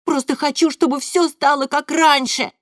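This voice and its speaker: A woman doing a young boy in an audiobook, yelling through tears in a high, strained voice. He shouts every line at full force. The sound is dry and close. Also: fairly even intonation, normal speed, no room sound. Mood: desperate. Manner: shouting, crying.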